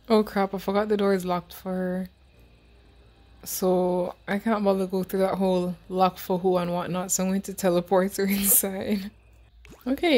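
A woman's voice: medium pitch, a little mellow. A woman gaming YouTuber narrating her play in a chatty, giggly way. She gives her characters orders as she goes. Her voice sits in the middle range, and faint music plays underneath. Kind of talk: let's-play commentary.

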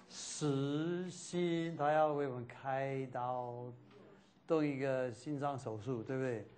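A man leads a faith class at an unhurried pace, circling back on his points and sprinkling in English fillers. His pitch sits mid-range. A faint hum of room ambience runs underneath. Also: darkish tone. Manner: loose, repetitive, mixing in English fillers. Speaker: teacher.

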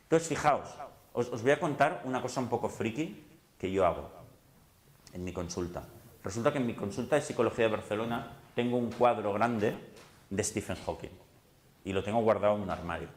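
A man with a Spanish accent from Spain, a psychologist giving a lively talk, who often acts out the lines of his patients and of himself in dialogue. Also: on the low side, echoey room. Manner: conversational, animated, voices patients and himself in dialogue. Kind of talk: lively public talk with acted quotes.

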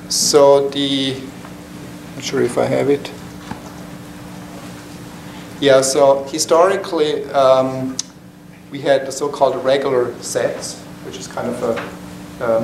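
Middle-aged man from Switzerland presenting to a meetup; halting, filler-heavy delivery, caught by a distant camera mic in an echoey, noisy room. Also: medium pitch, a little mellow. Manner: halting, many fillers and restarts. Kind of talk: technical talk to a small group. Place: conference room, standing by a projector screen. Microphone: far camera.

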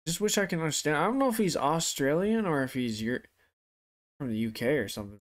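Here the music reaction host sounds higher, his pitch swinging widely as he talks a little fast. The young man keeps up his profane, slangy, casual commentary in the living room, still hampered by a sore tooth and puffy face.

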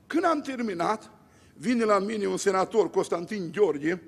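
A man's voice: high voice, lively intonation, gravelly, in a large hall. A male pastor preaching a sermon, emphatic, with repeated lists and rhetorical questions.

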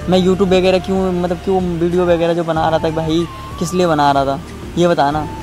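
A man's voice: a little high, level tone, brisk, music in the background. A young man, a YouTuber, crying as he pleads and keeps repeating himself in an emotional talk with his partner. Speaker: YouTuber and prank target. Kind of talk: emotional couple vlog talk.

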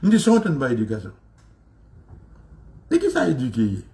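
A Haitian man hosting a show, ranting in an animated, mocking way, with lots of repetition and frequent laughter. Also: medium pitch, fairly quick, gravelly. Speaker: show host. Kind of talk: impassioned commentary rant.

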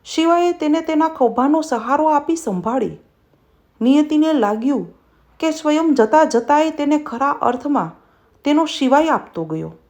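A woman narrating a tender love story as a scripted storyteller, reading slowly and tenderly. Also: sits high, lively intonation, darkish tone.

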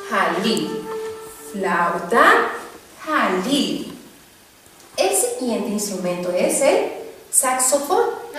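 A woman teaching a children's Hebrew lesson, naming each word slowly and clearly and repeating it. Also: fairly high pitch, slight background noise. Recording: echoey room, heard from a distance.

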